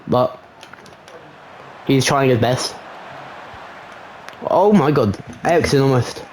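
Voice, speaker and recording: A young man casually commentating his own football video game match, chatty and self-mocking, getting excited at goals. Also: medium pitch, slight background noise. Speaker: gaming channel host.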